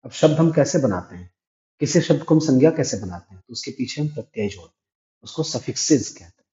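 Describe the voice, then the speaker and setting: A man's voice: mid-range voice, expressive, fast talker, dark tone. A man teaching English grammar step by step, asking and answering his own questions. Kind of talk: classroom-style grammar lesson. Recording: echoey room, dull lo-fi sound.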